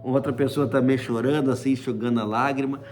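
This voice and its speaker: A man's voice: medium pitch, steady tone, fast, darkish tone, slight background noise. A man casually telling a personal story in a chatty way, often tagging "né?" and using fond diminutives. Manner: chatty, fills with frequent "né?"; uses many fond diminutives. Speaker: storyteller recounting a personal experience.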